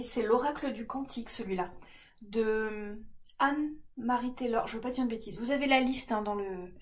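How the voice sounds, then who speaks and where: A woman giving a casual card-reading guidance, gentle and reassuring, with many fillers and restarts. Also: a little high. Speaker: tarot card reader.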